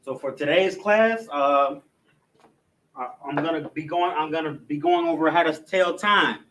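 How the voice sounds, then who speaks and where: A slightly high, a bit bright male voice leads a classroom language lesson, going through the alphabet letter by letter. He stumbles with restarts and fillers, and the rough recording has slight background noise.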